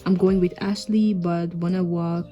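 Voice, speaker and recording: A woman's voice: fairly low pitch, fairly even intonation, normal speed, muffled recording, soft background music, natural voice. A woman voicing a friendly, slightly awkward schoolboy from a comic, with a plain, earnest delivery. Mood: concerned.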